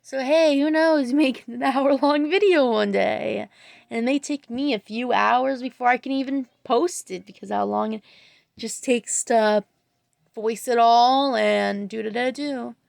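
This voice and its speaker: A woman's voice: a little high, a little slow, creaky, a little mellow, no room sound, studio quality. A woman talking casually over her drawing video, rambling and hesitant, full of fillers and self-corrections. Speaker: art channel creator, student.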